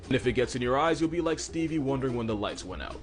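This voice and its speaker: With lively intonation and a quick pace, a man in a mid-range voice narrates a comedic script about animals. His delivery is sarcastic, wry and full of slang, set over background music.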